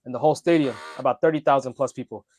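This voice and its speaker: A man's voice: medium pitch, very fast, a little mellow, no echo. A man leading a casual podcast conversation, animatedly telling a story and asking the panel questions. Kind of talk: casual chat.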